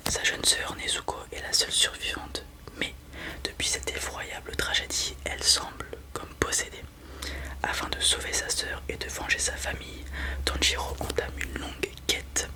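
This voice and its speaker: A librarian in a whispered role-play, speaking in a soft, breathy, barely voiced library whisper while recommending and reading aloud. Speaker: ASMR host playing a librarian recommending books.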